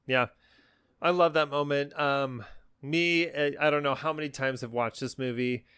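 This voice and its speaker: A man's voice: medium pitch, steady tone, moderate pace, fairly bright tone, clear, resonant tone, no echo, clean studio sound. A man co-hosting a podcast, talking casually and earnestly about a film he is enthusiastic about. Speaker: podcast co-host. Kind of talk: casual, reflective film discussion.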